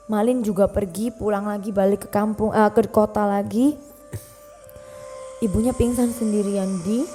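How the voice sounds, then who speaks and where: A young woman telling a folk tale to her child at home, animated, often stopping to ask the child questions. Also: medium pitch. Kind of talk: bedtime storytelling to a child.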